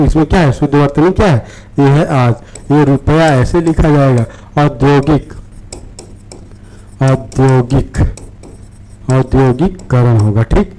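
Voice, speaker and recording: A man's voice: medium pitch, warm tone, a little hiss or hum, low-quality recording. A man explaining practice questions to exam students, repeating words and often checking in with "theek hai". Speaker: exam-prep teacher.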